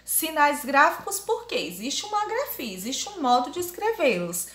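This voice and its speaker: A woman teacher giving a grammar lesson to young pupils, saying example words over and over slowly. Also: high-pitched, big pitch swings, a bit bright. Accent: Brazilian Portuguese. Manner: drills words aloud, repeating them slowly. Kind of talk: primary school grammar lesson. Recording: echoey room.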